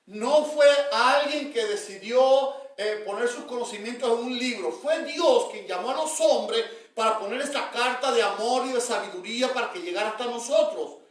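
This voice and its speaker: A man preaching a sermon as an evangelist, stressing key words by slowing down and sometimes dropping to a soft voice. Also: extremely high pitch. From Cuba. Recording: very echoey, from far off the mic.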